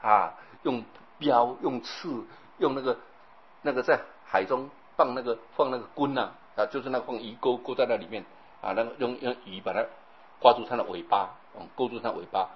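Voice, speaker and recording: A man giving a Buddhist sermon, telling lively stories, acting out scenes and often checking in with his listeners. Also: medium pitch, slightly rough, lo-fi sound. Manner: animated storytelling, acts out scenes, keeps asking the audience "right?". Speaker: Buddhist preacher.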